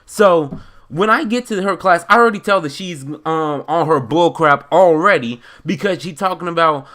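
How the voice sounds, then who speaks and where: A young American man from Chicago telling a story as a casual, animated rant, in an emphatic, indignant, slangy and rambling way. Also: on the high side, moderate pace. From Chicago, United States.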